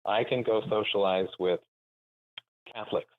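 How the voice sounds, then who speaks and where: A man calling into a show, speaking thoughtfully and haltingly over a clipped phone line, pausing often to search for words. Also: fairly low pitch, fairly even intonation. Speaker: caller. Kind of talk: call-in conversation. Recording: narrow tinny phone line.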